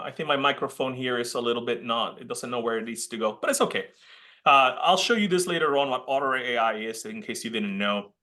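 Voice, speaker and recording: Heard through a computer microphone on a video call, a Puerto Rican man in his thirties, a college dean, gives a relaxed webinar talk. His voice is bright and mid-range with a Puerto Rican Spanish accent. He chats along, frequently restarting sentences and dropping in "uh" fillers.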